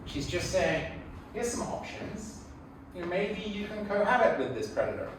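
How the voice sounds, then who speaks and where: A middle-aged Englishman with an English accent gives an informal, reflective slide lecture to an audience at an indoor venue. His voice sits high and sing-song at normal speed, picked up from far off in an echoey room with faint noise.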